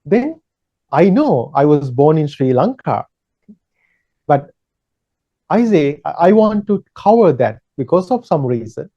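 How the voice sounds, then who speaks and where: Male monk giving a gentle, measured talk; slightly high, unhurried, muffled recording. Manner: gentle, repetitive, pausing with fillers. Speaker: Buddhist monk teaching. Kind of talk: slow, measured dharma talk.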